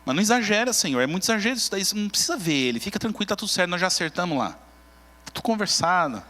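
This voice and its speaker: A man playing a bustling, self-assured woman who solves every problem herself, speaking in a brisk, complacent tone. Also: medium pitch, expressive, sharp tone. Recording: long church reverb.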